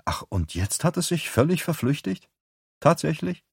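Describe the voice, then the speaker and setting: A man reading an audiobook, voicing a sharp female police detective who asks pointed, needling questions. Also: a little high, big pitch swings, moderate pace, vocal fry, slightly rough, no echo, clean studio sound, voice pushed up, full character voice. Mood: probing.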